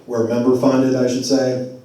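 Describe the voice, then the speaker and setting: A man's voice: mid-range voice, monotone, moderate pace, warm tone. A man speaking to a community forum in a loose, conversational way, his voice getting worn. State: losing his voice. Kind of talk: public address at a community meeting. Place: church meeting hall. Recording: very echoey hall, voice far from mic.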